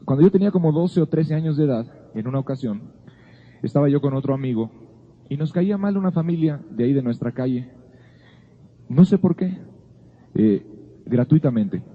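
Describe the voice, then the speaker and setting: A man's voice: mid-range voice, lively intonation, moderate pace, pauses often. A man giving an earnest Bible teaching, telling a personal story in a conversational way. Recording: phone-like narrow sound.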